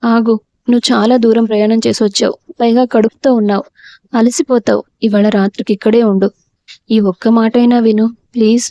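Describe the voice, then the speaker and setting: A woman's voice: on the high side, level tone, fairly quick, warm tone, no echo, muffled recording, natural voice. Pleading young husband, as a woman reads him. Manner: pleading, apologetic. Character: young husband torn between two wives.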